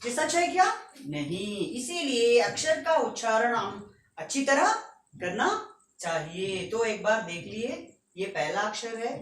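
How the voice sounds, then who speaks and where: A woman teaching a school lesson, patiently reciting letters one by one and explaining them slowly. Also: medium pitch. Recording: echoey room, distant mic, faint noise.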